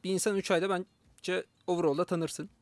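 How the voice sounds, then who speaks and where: A man's voice: high-pitched, fairly even intonation, normal speed, dry recording. A man chatting casually as a radio guest, joking at his own expense. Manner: self-deprecating, jokey. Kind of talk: casual chat. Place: radio broadcast.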